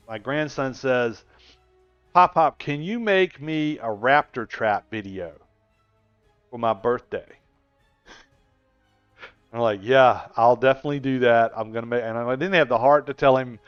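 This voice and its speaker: A man in his sixties speaks with a smooth, medium-pitched voice as he chats casually on a gaming live stream. He rambles and laughs often while responding to viewers. The dull, lo-fi stream audio carries no room sound.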